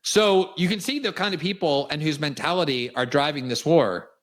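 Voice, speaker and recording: The host, a man from South Florida, gives an indignant, emphatic monologue full of cutting remarks on his political commentary show. His voice is a little high and his pace moderate.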